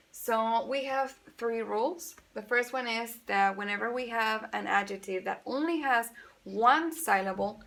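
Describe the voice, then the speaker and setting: Gravelly-voiced woman teaching grammar. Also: medium pitch, fairly bright tone. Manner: patient, explains step by step, repeats examples; switches between Spanish and English. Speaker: English teacher. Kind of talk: bilingual grammar lesson.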